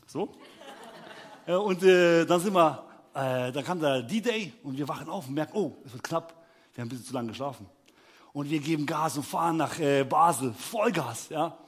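A young adult man preaching, telling a personal story with lively acted-out scenes and shouted peaks. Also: fairly high pitch, normal speed, husky. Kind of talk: animated sermon storytelling.

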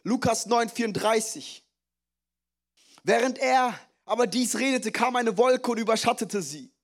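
A young male pastor preaches with a high, bright-sounding voice. He speaks in a lively, joking manner, mixing English phrases into his sermon. His delivery swings between energetic emphasis and quieter, personal storytelling. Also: unhurried.

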